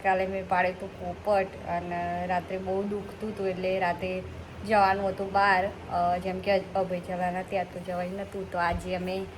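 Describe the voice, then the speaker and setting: A woman with a fairly low voice vlogs on a handheld phone, casually chatting to her viewers and calling them "guys" as she moves through a busy gathering at home. Crowd chatter fills the background of the recording.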